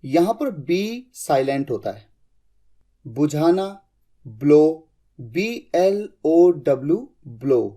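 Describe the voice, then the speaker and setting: A man's voice: fairly high pitch, big pitch swings, very slow, mellow. A man teaching English vocabulary in a lesson, spelling out each word letter by letter.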